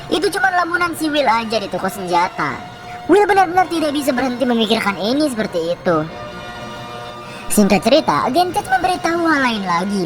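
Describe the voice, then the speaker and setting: Female recap narrator, high and animated, casual slangy delivery over clear background music. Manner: chatty, slangy storytelling.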